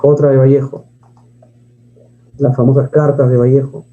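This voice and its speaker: A man's voice: medium pitch, flat delivery, moderate pace, mellow. A man teaching a grammar lesson, who asks and answers his own questions and reads poems aloud. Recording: dull lo-fi sound.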